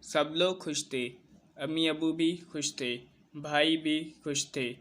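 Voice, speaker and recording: A man with a fairly high, bright, forceful voice tells a personal story in the first person. His delivery is steady and earnest, one event after another. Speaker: narrator.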